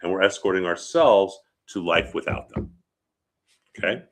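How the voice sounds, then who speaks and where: A man with a deep voice speaks at a moderate pace, sniffling a little from a head cold. He's a rabbi teaching about funeral customs in an informal, conversational lecture, often checking in with short questions.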